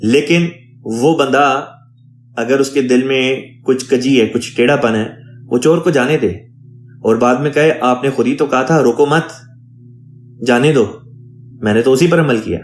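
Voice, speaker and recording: A male imam teaches a word-by-word Quran translation lesson, reading each Arabic phrase and then explaining it in a measured, patient teaching tone. His voice sits at an ordinary middle pitch, and it rings with the echo of the room he is recorded in. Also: faint music behind.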